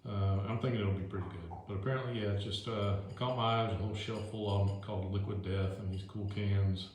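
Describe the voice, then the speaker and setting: A man with a lowish voice hosts his food-tasting show, chatting loosely to the camera and rambling through fillers and restarts. He recorded it indoors at home, in a very echoey room with a faint hiss behind him. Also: fairly even intonation, quick pace, a little mellow. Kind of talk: casual rambling talk to camera. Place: indoors at home, moved in from the deck.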